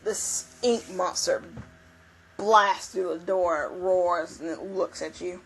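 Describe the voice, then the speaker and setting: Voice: mid-range voice, fairly even intonation, slow pace, fairly bright tone, slight background noise, rough recording. A roleplay game master narrating events in a plain, matter-of-fact way. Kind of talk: narrating a tabletop-style roleplay.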